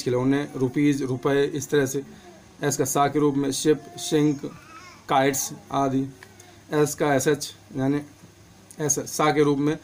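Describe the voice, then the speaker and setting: A man teaching English pronunciation and spelling, listing words one by one with their meanings. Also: medium pitch. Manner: slow, patient, lists words with meanings.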